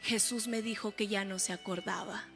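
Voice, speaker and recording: A woman's voice: medium pitch, steady tone, normal speed, gravelly, fairly bright tone, faint music behind, voice pushed down. A woman voicing an eager, polite little boy in a sermon story. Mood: earnest. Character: eager little boy who talks to Jesus.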